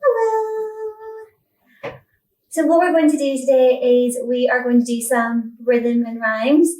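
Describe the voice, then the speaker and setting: A woman's voice: fairly high pitch, fairly even intonation, moderate pace, warm tone. A woman presenting as a children's show host, talking to young children in an encouraging, exclaiming, sing-song way. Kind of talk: kids show host presenting songs and rhymes. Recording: roomy echo, distant mic, faint music.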